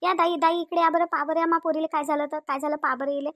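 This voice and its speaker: A woman playing a fussy middle-aged village mother in a cartoon, speaking with a Varhadi Marathi accent. Her voice is very high, and she repeats herself and keeps tagging her lines with questions. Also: fairly even intonation, fast, fairly bright tone. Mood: urging. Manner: repetitive, nagging, tag questions.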